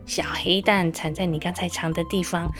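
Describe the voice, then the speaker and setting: A woman's voice: mid-range voice, lively intonation, moderate pace, a bit bright, faint music behind. A bossy green parrot from a storybook who tattles and scolds, as a woman puts it on. Its delivery is nagging and self-righteous. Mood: sly whisper.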